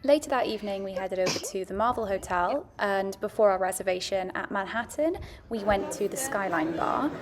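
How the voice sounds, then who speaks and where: A woman's voice: mid-range voice, a little fast, hardly any pauses, crowd noise, noisy background. A woman giving a casual, chatty, understated voice-over review as a food and travel vlogger.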